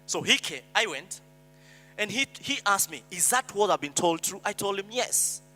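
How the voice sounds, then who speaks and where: A man's voice: sits high, lively intonation, normal speed, sharp tone, faint music behind. A Kenyan man giving a speech as an earnest personal story, acting out the voices of people he quotes. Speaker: speaker. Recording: hall reverb, mains hum.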